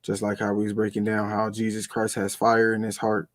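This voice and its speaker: Low, flat-voiced man explaining things casually. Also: a little fast, no room sound. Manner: explaining, loose and conversational. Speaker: co-host. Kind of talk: casual spiritual discussion.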